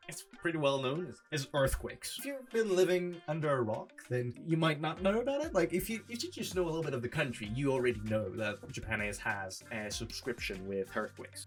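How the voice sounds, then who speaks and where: A man from France with a French accent, talking English in a casual, rambling, sarcastic vlog style full of "like" fillers. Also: mid-range voice. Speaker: vlogger. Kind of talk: casual chatty explainer.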